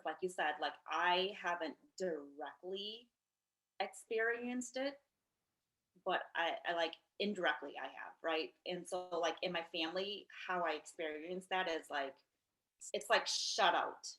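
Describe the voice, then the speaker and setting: A woman co-hosting a podcast, speaking reflectively and haltingly, with many "like"s. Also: fairly low pitch, fairly bright tone, rough recording. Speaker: podcast co-host. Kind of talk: casual conversation.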